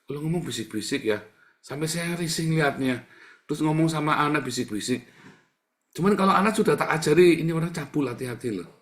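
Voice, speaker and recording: A man's voice: on the high side, animated, a little fast, fairly bright tone. A man preaching a sermon in a conversational, emphatic way, repeating words for stress.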